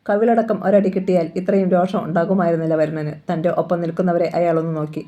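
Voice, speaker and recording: A woman narrating a thriller novel in a steady, dramatic storytelling voice. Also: on the low side, fast, highs cut off.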